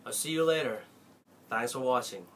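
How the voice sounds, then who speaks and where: The recording is very noisy as a young Apple store salesman from Thailand speaks to the camera in a Thai accent from his small, cluttered bedroom. His mid-range voice runs at normal speed, heartfelt and pleading, with expressive swings in loudness.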